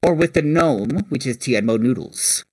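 Animated male dungeon master. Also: medium pitch, moderate pace, breathy edge, no room sound, poor audio. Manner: animated, laughing narration. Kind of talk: narrating a tabletop game.

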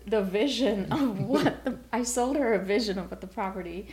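A woman from Guyana, a real estate agent, talking as a guest in an interview with energetic, quick restarts. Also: mid-range voice, crowd noise.

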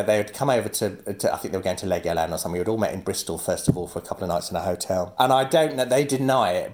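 A man's voice: on the low side, a little mellow. A man chatting as a guest, telling stories with frequent laughter and acted-out quotes. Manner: chatty storyteller, laughs often, acts out quoted voices. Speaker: guest, actor and comedian. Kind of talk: casual chat.

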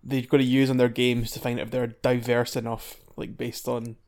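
A man's voice: mid-range voice, level tone, normal speed, darkish tone. A young man on a comedy quiz podcast, swearing and laughing as he talks. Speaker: quiz contestant. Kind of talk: casual comedic podcast banter.

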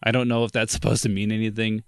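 A young man co-hosts a podcast, casually chatting about a film in a lowish, smooth voice with little pitch movement and a quick pace. He says "like" and "dude" a lot and laughs often, with studio-quality sound and no room noise.

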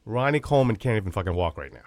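A man's voice: lowish voice, big pitch swings, very fast, darkish tone, dry recording, clean studio sound. A man co-hosting a podcast, casual and blunt, swearing and breaking in with tangents. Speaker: podcast co-host.

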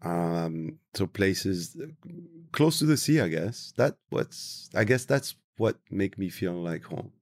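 A man from Tunisia, a travel industry guest, giving thoughtful interview answers and searching slowly for his words. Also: low voice, animated, no echo, clean studio sound.

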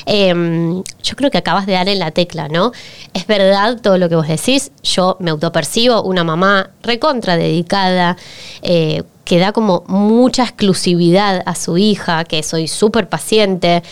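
A woman's voice: lowish voice, unhurried, clear, resonant tone. A woman with a Rioplatense Spanish accent, co-hosting a podcast, frank and reflective. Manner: frank, reflective, chiming in with agreement. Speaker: podcast co-host. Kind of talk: casual podcast chat.

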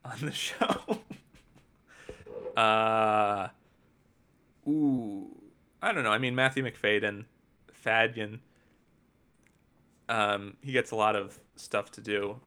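A man's voice: fairly low pitch, steady tone, extremely slow, long pauses, pushed and bright, smooth. A man co-hosting a casual chat about TV awards, wry and offhand, trailing off with ums. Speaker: podcast co-host.

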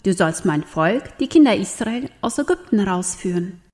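A woman voicing God as an almighty male figure in a children's Bible story, speaking in solemn, measured commands. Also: mid-range voice, expressive, darkish tone, close to an everyday voice.

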